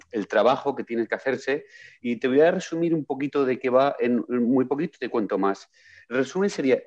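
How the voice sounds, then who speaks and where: A man in casual conversation, recounting a book and acting out its questions with lively energy. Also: mid-range voice. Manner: animated storyteller, acts out quoted questions. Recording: dull lo-fi sound.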